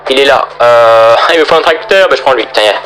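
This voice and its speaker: A man's voice: mid-range voice, fairly quick, fairly bright tone, soft background music, rough recording. A young man hosting a gaming video, chatting casually and rambling as he plays and talks to his viewers. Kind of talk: casual gameplay commentary.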